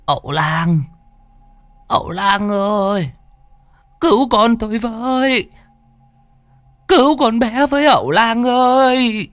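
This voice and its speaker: Male narrator as frantic father begging a healer, high and strained, dry close sound. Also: takes it slowly, long pauses, fairly bright tone, clear, resonant tone, dry recording, exaggerated voice. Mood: desperate pleading. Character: desperate village father begging for help.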